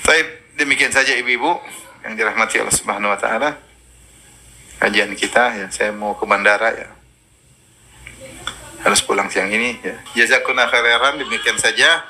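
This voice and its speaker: Man giving a sermon, very bright voice, animated storytelling, bit of background hiss. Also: on the low side, normal speed, long pauses. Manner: lively storytelling, quoting Arabic verses. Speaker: preacher. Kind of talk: religious lecture.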